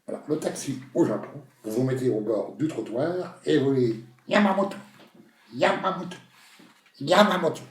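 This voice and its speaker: A man's voice: mid-range voice, lively intonation, moderate pace, distant mic, lightly acted. A man voicing an eager, overconfident male quiz contestant who blurts out his answers and repeats himself. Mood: boastful. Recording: roomy echo.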